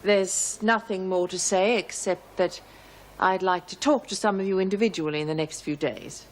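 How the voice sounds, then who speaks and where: An actress playing a composed middle-aged female prison governor who speaks in a measured, formal way. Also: medium pitch, natural voice, low-quality recording. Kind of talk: 1980s television drama acting.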